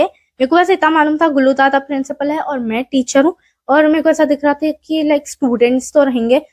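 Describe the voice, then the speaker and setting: A woman's voice: sits high, darkish tone. A young woman vlogger with a Hyderabadi accent, telling a story in a casual, rambling way with lots of fillers, recorded on a mic in a small room. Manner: chatty, rambling, self-deprecating, many fillers.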